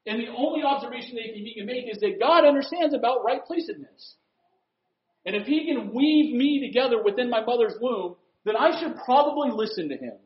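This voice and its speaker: A man preaching a sermon in a conversational way, posing rhetorical questions and swinging between loud emphasis and quiet asides. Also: very high-pitched, animated, fairly quick. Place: room with a board. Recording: roomy, dull lo-fi recording.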